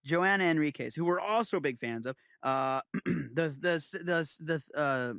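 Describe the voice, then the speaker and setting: A man's voice: a little high, a little slow, vocal fry, fairly bright tone, smooth, no room sound, studio quality. A man co-hosting a casual chat show, rambling with frequent restarts and chuckles. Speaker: co-host.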